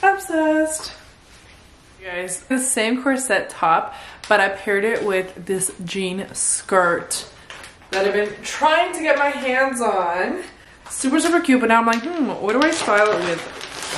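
A young adult woman, a fashion vlogger, does a casual try-on haul to camera in an echoey room. Her mid-range voice is a bit bright, with a little hiss or hum on the recording. She's bubbly and chatty, saying "you guys" constantly as she addresses viewers.

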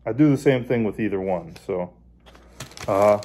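A man hosting his own fishing channel, casually showing how he bends and adjusts a lure while he talks, in a relaxed hands-on way. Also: lowish voice, normal speed, a little hiss or hum. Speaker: bass angler, channel host.

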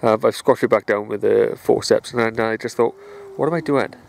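A man's voice: on the low side, fairly quick, vocal fry, poor audio. Man in his thirties, upbeat and chatty, outdoor lakeside, handheld camera, light wind noise. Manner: chatty, upbeat, talks to a young boy. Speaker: angler filming a fishing day. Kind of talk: casual outdoor commentary. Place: grassy lakeside bank outdoors. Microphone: handheld camera, sometimes held at arm's length.

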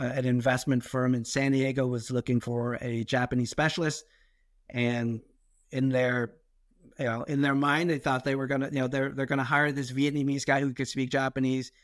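A middle-aged American man, an investor appearing as a podcast guest, tells his own story in a reflective, hesitant, conversational way. His voice is mid-range, and the studio sound is clean with no echo.

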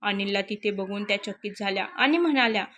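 A woman storyteller narrating a storybook in a steady, unhurried reading voice. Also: medium pitch.

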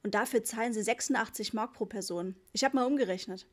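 A woman's voice: fairly high pitch, quick pace, lightly acted. Unbothered middle-aged father, read by a woman, dry, offhand, muttered replies.

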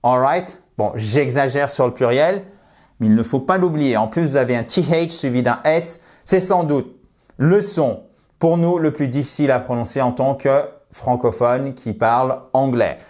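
A man giving an online English lesson, speaking to viewers in an encouraging, direct way. He slows right down on the English examples and stretches each word to exaggerate its pronunciation. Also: mid-range voice, a little mellow. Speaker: English teacher.

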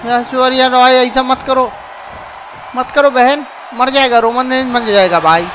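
A man giving excited, casual commentary over a wrestling video game and often shouting. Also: very high-pitched, unhurried. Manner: excitable, shouts often, calls people bhai. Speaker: gameplay commentator. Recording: noisy background with crowd sounds. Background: video game arena crowd and noise.

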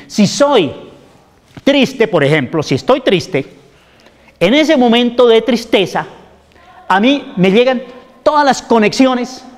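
Animated man in a reverberant hall. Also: high-pitched. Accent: Colombian Spanish. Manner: animated, rhetorical questions with repeated "¿cierto?". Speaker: health talk speaker. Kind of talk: informal health talk to a group.

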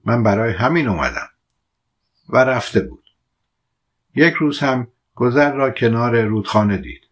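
A man reading a literary short story aloud as an audiobook narrator, measured and quiet, giving the dialogue light voices. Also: medium pitch, lively intonation.

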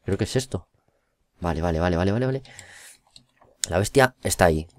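A fairly low-voiced man from commentates his own gameplay live. He talks in an excitable rush, repeating short phrases over and over and jumping from shouts down to mutters. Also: a little fast. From Spain. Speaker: gaming YouTuber.

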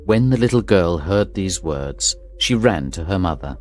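Deep-voiced man narrating a story. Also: moderate pace. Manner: steady, clear storytelling. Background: soft music.

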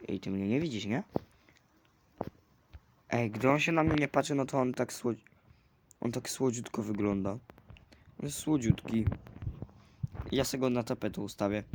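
A man commentating a video game, chatting to the game characters with sudden loud outbursts. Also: mid-range voice, normal speed, pauses often. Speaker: gamer. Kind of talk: let's play commentary. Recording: clear clicking noise behind.

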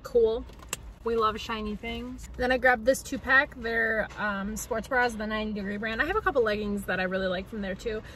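A woman's voice: fairly high pitch, moderate pace, a bit bright, a little hiss or hum. Chatty young woman vlogging from her car. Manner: chatty, rambling, upbeat. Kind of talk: casual vlog chat. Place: bathroom then parked car.

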